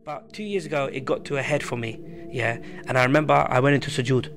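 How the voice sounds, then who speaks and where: A man, telling a personal story in casual podcast chat, animated and full of slang. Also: mid-range voice, quick pace, a little hiss or hum. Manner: animated, slangy, repeats himself. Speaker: podcast guest. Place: small room with a poster wall. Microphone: studio mic on a stand.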